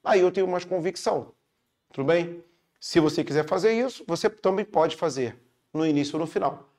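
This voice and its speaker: A man's voice: on the high side, a little fast, a little mellow. Upbeat Brazilian man teaching grammar. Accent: Brazilian Portuguese. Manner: chatty, upbeat, checks in with "beleza?" after each point. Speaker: Portuguese teacher. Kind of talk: casual online lesson.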